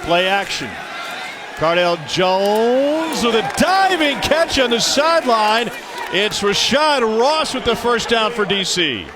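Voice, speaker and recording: High-voiced football play-by-play man. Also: sing-song, slow pace, crowd noise, noisy background. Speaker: play-by-play announcer. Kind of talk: live American football commentary.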